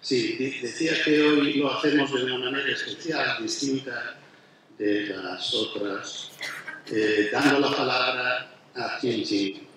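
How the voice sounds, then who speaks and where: A man giving a conference talk, speaking slowly and deliberately with halting restarts. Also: mid-range voice, steady tone. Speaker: lecturer. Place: large lecture hall. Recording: very echoey hall with background noise.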